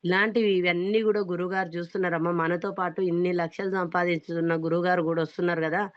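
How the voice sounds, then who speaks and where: A woman's voice: fairly low pitch, little pitch movement, racing, no room sound. Woman, Telangana accent, earnest emphatic testimony, motivational speaker, dry close sound, muffled lo-fi audio. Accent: Telangana Telugu. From Hyderabad, India. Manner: earnest and emphatic, often stressing that she is being sincere.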